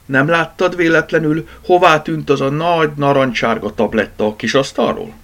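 A man voicing a giddy, hyperactive toy rabbit in a children's storybook, squeaky and bouncy. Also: fairly bright tone, close to an everyday voice. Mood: excited.

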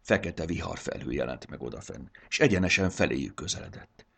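Deep gravelly storybook narrator. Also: male voice. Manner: expressive, animated reading.

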